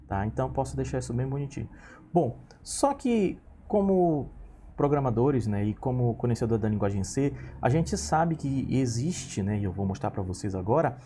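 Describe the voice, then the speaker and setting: Walking his students patiently through a coding lesson and checking in as he goes, a man in his thirties speaks in a warm, mid-range voice. This screen recording carries a little hiss or hum.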